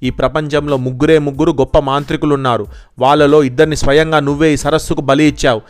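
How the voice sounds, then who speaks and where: A man's voice: fairly high pitch, little pitch movement, fast talker, lightly acted. A man doing a sly, confident sorcerer.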